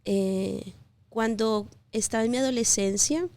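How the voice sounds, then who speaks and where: In a slightly high voice, a woman in her thirties from Colombia shares her life story as a guest in a personal testimony interview. Her manner is gentle and reflective, full of pauses and fillers.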